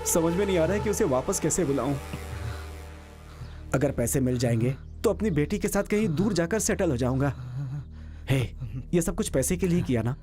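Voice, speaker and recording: An actor voicing a scheming gang member who coaxes and presses someone to talk, in a dubbed film. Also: male voice, on the high side, lively intonation, normal speed, pauses often, mellow, soft background music, close to an everyday voice. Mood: coaxing. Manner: persuasive, insistent. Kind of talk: Hindi film dub acting.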